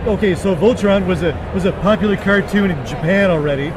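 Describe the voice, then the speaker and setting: A man puts on a goofy, excitable puppet interviewer with a high voice. He gushes and stammers like an eager fan, with clear outdoor traffic noise around him. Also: fast talker, close to an everyday voice. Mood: eager, fannish.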